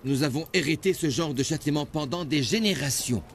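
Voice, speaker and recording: An actor dubbing a calm, defiant young nobleman who stands up to the priests, in a historical drama. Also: on the high side, a little fast, a little hiss or hum, lightly acted. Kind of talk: French dub of a historical series.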